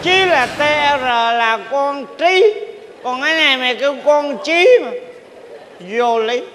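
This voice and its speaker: A blustering tipsy drinker. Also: male voice, extremely high pitch, animated, unhurried, a bit bright, heavily acted. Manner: blustering, pompous speeches. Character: boastful tipsy man leading a drinking round. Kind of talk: stage comedy sketch. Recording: reverberant stage hall with faint noise.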